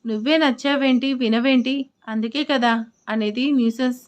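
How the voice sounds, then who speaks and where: A woman's voice: high voice, steady tone, normal speed, lightly acted. A woman doing a teasing young husband.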